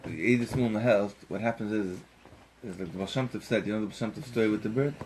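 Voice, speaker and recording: A man teaching a Torah lesson through an animated story and acting out its characters. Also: lowish voice, fast talker, a little hiss or hum. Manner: animated, acts out the characters, rises to emphatic peaks.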